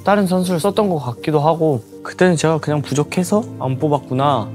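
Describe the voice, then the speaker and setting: A young man in his twenties, a guest in a casual interview, speaking calmly and thoughtfully. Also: on the high side, fairly quick, faint music behind. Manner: calm, plain, reflective. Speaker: guest athlete.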